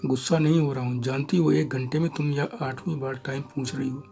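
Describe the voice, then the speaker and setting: A man's voice: mid-range voice, steady tone, a little fast, vocal fry, warm tone, faint music behind, close to an everyday voice. A man reading an audio story, voicing a young man who is firm, reassuring and a bit impatient.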